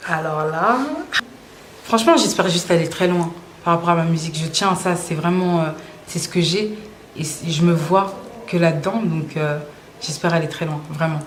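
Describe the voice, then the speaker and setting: Talking at normal speed in a low voice, a young Belgian woman from Brussels discusses her music in a casual interview. The room is echoey with slight background noise, and she speaks in a relaxed, slangy style marked by frequent hesitations.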